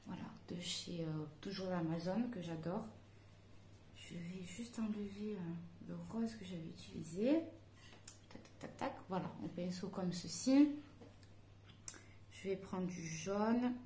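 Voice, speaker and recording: A woman's voice: lowish voice, unhurried, dark tone, a little hiss or hum. A woman chatting casually through a makeup tutorial, hesitant and full of fillers as she talks to her viewers. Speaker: beauty vlogger. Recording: echoey room.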